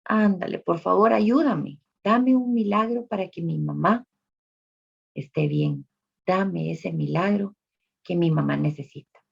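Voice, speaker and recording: A woman's voice: on the low side, unhurried, gravelly, breathy edge, full character voice. A woman voicing a desperate five-year-old boy who begs for a miracle in a pleading, urgent voice. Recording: dull lo-fi recording.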